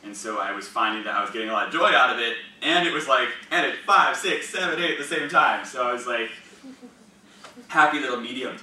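A man's voice: medium pitch, expressive, brisk, pushed and bright. A young man telling personal stories in a casual, rambling way, full of "like" fillers and laughs. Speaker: speaker sharing personal experience. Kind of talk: casual storytelling talk. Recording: echoey room, mic at a distance.

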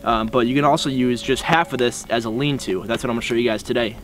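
A man's voice: medium pitch, quick pace. A young man in his twenties hosting a casual bushcraft tutorial outdoors in snowy woods, explaining with frequent ums. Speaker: bushcraft channel host.

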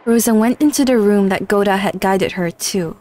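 A woman's voice: medium pitch, moderate pace, darkish tone. A woman streamer reading game narration aloud with earnest storytelling and wry asides.

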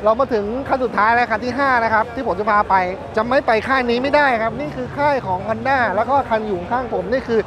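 A man in his thirties presenting bikes at a busy indoor motor show in a lively, chatty way, speaking into a lapel mic. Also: very high voice, fast, few pauses. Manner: lively, chatty, points things out. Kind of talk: casual walkaround presentation. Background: music.

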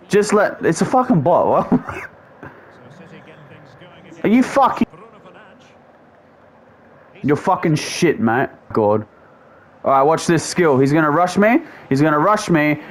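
Guy raging at a football game, swears nonstop, voice a bit high and jumping all over the place. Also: very animated, takes it slowly, pauses often. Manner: ranting, heavy swearing, exasperated outbursts. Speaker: gamer. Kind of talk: angry gameplay commentary.

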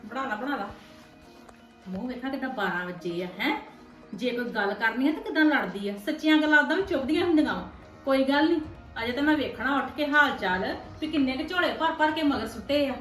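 A woman playing a sharp-tongued married sister visiting her brother's home, complaining and scolding, in a scripted family drama. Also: sits high, lively intonation, a little fast, far from the mic, faint music behind. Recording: echoey room from off-mic.

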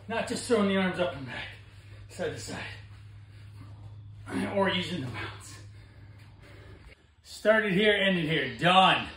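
A man in his thirties, a fitness coach, talking through a workout in an energetic, instructive way in his home barn gym. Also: sits high. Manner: energetic, instructive, brisk cues. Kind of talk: workout vlog narration. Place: large home gym in a barn with metal walls. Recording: echoey barn room.

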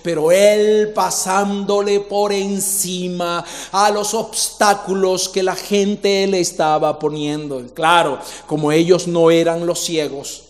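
High slow-talking preacher guy, keeps repeating himself for emphasis, big echoey church hall. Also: fairly even intonation. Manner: preaching with rhetorical questions and emphatic repetition. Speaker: pastor. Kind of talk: sermon. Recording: long reverb in a church hall.

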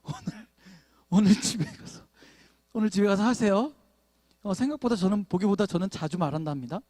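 A man's voice: high voice, a little fast, a little mellow, dry recording, clean studio sound. A male pastor preaching a Friday prayer service sermon, telling a personal story with playful asides to the congregation. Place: church sanctuary.

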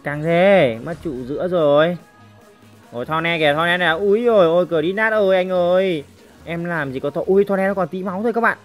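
A woman giving lively gameplay commentary as a mobile game streamer, chatting to viewers and making shooting sound effects. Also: lowish voice, fairly quick, soft background music.

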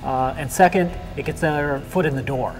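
A man's voice: fairly high pitch, normal speed, in a large hall, soft background music. A middle-aged man who teaches agriculture, speaking in an interview in an earnest, practical way. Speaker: instructor.

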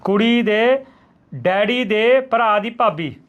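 A man from Punjab hosting a casual riddle quiz, reciting the riddle slowly and deliberately for his guests. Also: high-pitched, expressive, a bit bright. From Punjab, India.

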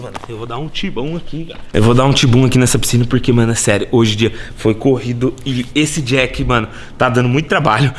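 A young man with a Brazilian accent vlogging casually, talking in slang to his viewers and his dog. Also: mid-range voice. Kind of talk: casual vlog talk. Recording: voice with loud background music.

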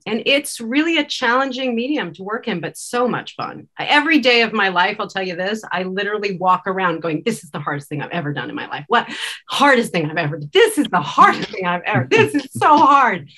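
Interviewed on a video call from an indoor room, a podcast director and actor speaks conversationally and emphatically. Her voice is fairly low and sharp in tone, picked up by a video call mic.

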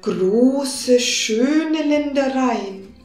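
A woman voicing a dignified fairy-tale king, speaking slowly and grandly. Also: high voice, animated, darkish tone, pitched above the performer's own voice, full character voice. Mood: stately. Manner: slow and dignified. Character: slow, stately, amazed old king. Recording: roomy with faint music behind.

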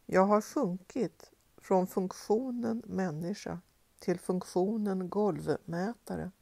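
A woman reading poetry aloud in a measured, rhythmic recitation with repeated refrains. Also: mid-range voice, vocal fry, dark tone, no room sound. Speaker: poetry reader.

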